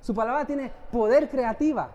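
A man's voice: very high voice, normal speed, dull audio. A middle-aged man preaching a sermon. He keeps asking the audience questions and slips in English phrases now and then. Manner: lively, asks the audience questions, often adds "¿verdad?".

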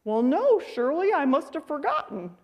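A woman's voice: sits high, big pitch swings, moderate pace, lo-fi sound, voice pushed up. A woman voicing a father who teases his wife with mock innocence and amusement. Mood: sheepish. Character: teasing middle-aged father, playfully sheepish.

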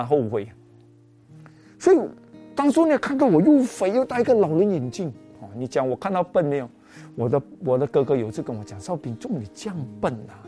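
Malaysian Mandarin man, testimony, mellow voice riding big swings in pitch, guitar underneath. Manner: animated storytelling, heavy use of particles 哦 and 啊. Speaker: testimony speaker. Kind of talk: personal testimony storytelling. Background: soft guitar music.

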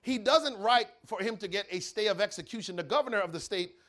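A man preaching a sermon, telling a story with dramatic pauses and rising intensity. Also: high-pitched, a bit bright.

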